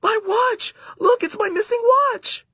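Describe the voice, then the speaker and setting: A man voicing a shrill, excitable young girl at summer camp in a storybook reading. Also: measured pace, dry recording, heavily acted. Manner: shrill, squealing. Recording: dull lo-fi dry recording.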